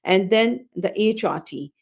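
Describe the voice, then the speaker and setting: This woman's mid-range voice is expressive yet a little slow, with a gravelly, slightly rough texture. A consultant obstetrician in her fifties, she hosts a webinar on a video call using a computer mic, explaining slides with frequent repetitions, self-corrections and fillers.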